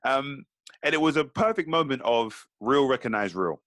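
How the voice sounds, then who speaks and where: A man co-hosting a podcast, telling stories in a lively, slangy way. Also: medium pitch, moderate pace, no echo. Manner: animated storytelling, slangy. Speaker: podcast co-host. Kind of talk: casual podcast chat.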